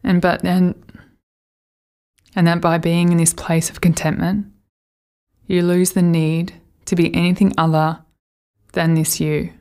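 With unhurried pauses between phrases, a woman gently and soothingly guides a meditation. Her register is fairly low and noticeably creaky, and her intonation remains flat and steady throughout.

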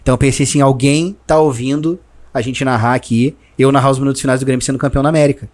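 A sports narrator with a southern Brazilian accent tells stories at a rapid clip. His pitch sits in an ordinary middle range for a man. He talks in an animated, slangy way and gets emotional about his memories. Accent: southern Brazilian (Rio Grande do Sul). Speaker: sports radio narrator, guest. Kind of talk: casual storytelling in a podcast chat.

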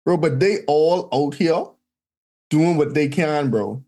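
A man's voice: fairly high pitch, takes it slowly, mellow. A man with a Caribbean accent in a casual Bible study, speaking in an emphatic, slangy, colloquial way. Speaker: podcast host. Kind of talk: casual Bible study chat with scripture read aloud.

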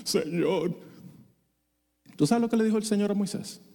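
A male pastor preaching a sermon, swinging from hushed asides to loud bursts and slipping into English phrases. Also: high voice, level tone, racing, long reverb tail. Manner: code-switches with bursts of English. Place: church sanctuary.

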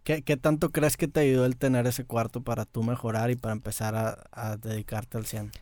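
A man with a Mexican Spanish accent hosting a podcast, asking questions in a quick, slangy way. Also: medium pitch, level tone, darkish tone, no room sound. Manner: quick, slangy, says "güey" often. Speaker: podcast host. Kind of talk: casual interview questions. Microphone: studio mic in a small home studio.

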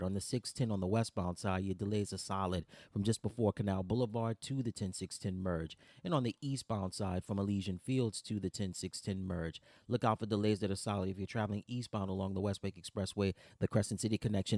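A man's voice: low voice, dark tone, no room sound, studio quality. A man reading a radio traffic report as the station's traffic reporter.

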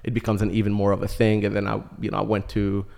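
A man in his thirties, from Iraq, speaks in a fairly low voice. He is a podcast guest in a casual chat, telling a long story with easy good humor. He laughs often as he talks. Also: monotone, fast talker, creaky, darkish tone.

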